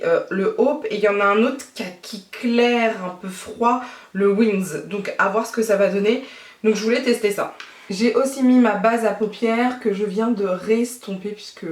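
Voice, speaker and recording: A woman's voice: medium pitch, far from the mic. A young adult woman chatting casually through a makeup tutorial as a beauty vlogger, thinking aloud with many fillers. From France. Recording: echoey room.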